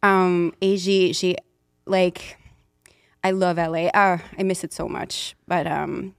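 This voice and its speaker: A woman playing a rich young Los Angeles influencer and DJ who speaks halting French with an American accent, dropping English words and valley-girl fillers. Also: fairly low pitch, fairly even intonation, gravelly, clean tone, dry recording, clean studio sound. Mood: breezy. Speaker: guest. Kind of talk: improvised comedy interview.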